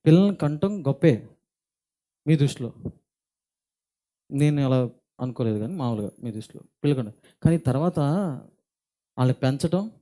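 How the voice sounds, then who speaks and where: A middle-aged man from India, preaching a church sermon in an earnest, deliberate way that builds in intensity. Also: medium pitch, lively intonation, warm tone. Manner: earnest, speaks slowly and deliberately, rising in intensity. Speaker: pastor. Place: church hall.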